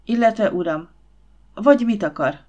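A woman voicing a spirited, quick-tempered young Victorian lady in an audiobook, speaking with raised, indignant emphasis. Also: medium pitch, darkish tone, lo-fi sound, lightly acted. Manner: indignant, exclaiming.

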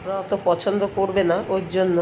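A middle-aged or older woman, a home cooking vlogger, chats her viewers through a drink recipe one step at a time in a homely, casual way. Her voice is medium in pitch with a level tone and a moderate pace, and a cold has clogged her nose and throat so that talking takes effort. She is at home, and the noisy kitchen recording picks up clinking dishes.

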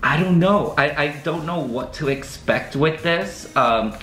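A man's voice: fairly high pitch, lively intonation, measured pace, sharp tone. A man hosting a casual vlog, chatty and joking, with many ums as he talks to his viewers. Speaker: vlogger host. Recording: echoey room with faint music.

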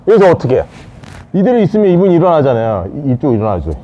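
A very animated man with a slightly high voice races through short, repeated cues while demonstrating a jiu-jitsu escape on a partner. The audio is dull, with a little hiss or hum.

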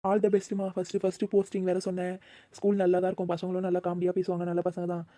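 Woman voicing chatty neighbour lady, cartoon, encouraging, dark mellow tone, lowish. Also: completely flat delivery, quick pace, no echo, lightly acted. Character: friendly older neighbour woman.

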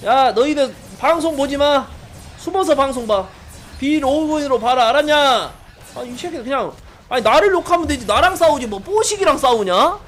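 A man's voice: very high-pitched, animated, moderate pace, a bit bright, a little hiss or hum. A man streaming a mobile game, giving brash casual commentary, swearing and teasing his viewers.

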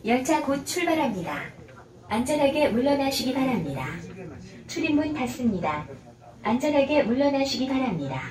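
A woman's recorded voice giving formal train announcements over an onboard loudspeaker. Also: high-pitched, very animated. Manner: slow, evenly paced, formal. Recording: echoey loudspeaker heard from far off over loud train noise.

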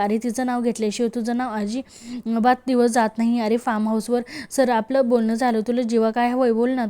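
An exasperated man voiced by a woman narrator lectures and scolds at length. The voice stays fairly high and warm. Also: natural voice. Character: exasperated male uncle figure, lecturing.

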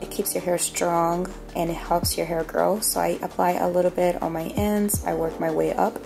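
Feeling slightly unwell, a young woman with a raspy, lowish voice talks through her routine at normal speed with a flat delivery, speaking straight to her viewers from a small bathroom. As a beauty vlogger, she keeps it chatty and self-mocking while music plays clearly beneath.

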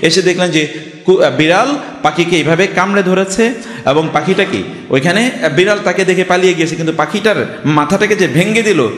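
An older man from Bangladesh delivers a Friday sermon in a voice pitched a little high, leaning on rhetorical questions and storytelling. His words ring out through a large prayer hall with a long, roomy echo. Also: fairly quick, fairly bright tone. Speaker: preacher. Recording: echoey hall reverb.

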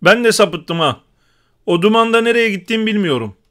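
A young man giving joking, excitable live commentary while playing an online shooter game, often shouting exclamations. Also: high voice, brisk. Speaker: gaming YouTuber.

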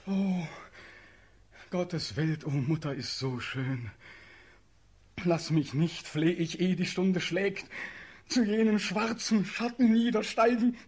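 A young man plays a desperate condemned prince begging for his life in a classical verse radio drama. His high, husky voice moves slowly with frequent pauses, heavily acted, as he declaims with passion and swings from hush to outcry.

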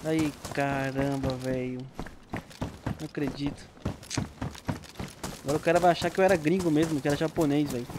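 A man's voice: a little high, steady tone, moderate pace, pauses often, background noise. A young man with a Brazilian Portuguese accent giving casual, slangy gameplay commentary and laughing often. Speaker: gameplay streamer.

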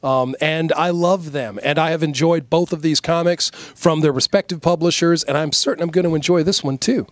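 A man's voice: a little high, fairly quick, few pauses, no echo. A man hosting a comics show, presenting his picks with a showman-like flourish. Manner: showman-like, addresses "ladies and gentlemen". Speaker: host.

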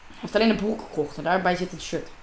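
A woman's voice: fairly low pitch, fast talker. Female gamer, casual running commentary into a desk mic; echoey home room with faint noise. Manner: chatty, talks to herself and viewers while playing. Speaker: gamer narrating her own gameplay. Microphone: desk microphone.

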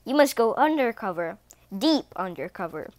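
A woman's voice: mid-range voice, sing-song, normal speed, no room sound, natural voice. A woman voicing a bossy male police chief who gives commanding, scheming orders in a read-aloud storybook.

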